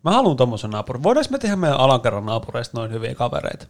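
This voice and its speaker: A man's voice: mid-range voice, very animated. Playful, teasing young man. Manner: playful, teasing, often laughing. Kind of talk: casual chat among roommates.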